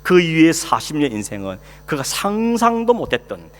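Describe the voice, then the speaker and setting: A man's voice: on the high side, big pitch swings, normal speed. A male pastor preaching a sermon in a conversational way, asking the congregation questions and acting out quoted speech. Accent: Korean. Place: church sanctuary. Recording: long hall reverb, faint hum.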